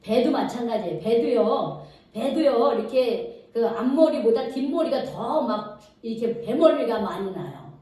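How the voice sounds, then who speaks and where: In a church sanctuary, a woman preacher delivers a sermon in a fairly high, mellow, expressive voice, taking her time. She tells a story vividly and quizzes the congregation along the way, and the recording is echoey, with the mic placed far off.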